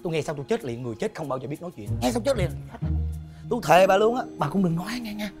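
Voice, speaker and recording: A man with a Southern Vietnamese accent acting a nosy neighbor in a comedy sketch, reacting and complaining excitably, with music behind. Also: sits high, very fast. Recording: background music under the dialogue.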